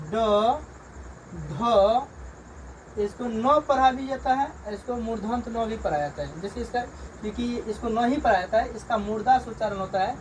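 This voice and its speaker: A man, a teacher slowly drilling beginners through letters and sounds in a reading lesson, repeating each one. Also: sits high. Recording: distant mic, loud crickets and traffic.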